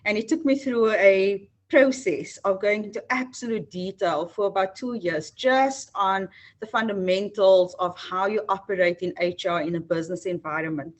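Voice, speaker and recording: South african lady talking through her career in an interview, earnest and hesitant, average pitch. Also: moderate pace. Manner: warm, earnest, with frequent ums and restarts. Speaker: HR executive, guest. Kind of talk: interview answers.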